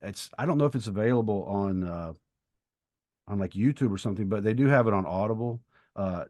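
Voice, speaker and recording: In a casual podcast conversation, a middle-aged male co-host and writer talks briskly with a lowish, darkish tone. He's opinionated and bookish, given to lengthy explanations, and there's no room sound.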